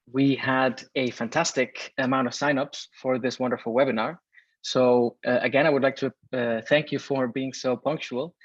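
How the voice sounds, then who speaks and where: This is a Venezuelan webinar host in his thirties, broadcasting live via video call from a home or office space in Berlin. He reads out chat messages in a talkative manner packed with fillers, his mid-range voice carrying no echo over dull, dry audio.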